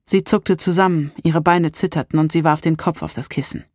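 A woman narrating a first-person erotic story in a calm, intimate reading style. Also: sits low, brisk, no room sound, studio quality. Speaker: audiobook narrator.

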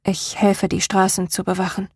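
A woman reading the part of a haunted, determined young woman in measured, weary tones. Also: medium pitch, monotone, darkish tone, breathy edge, no echo, studio quality. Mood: grim. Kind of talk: audiobook character reading.

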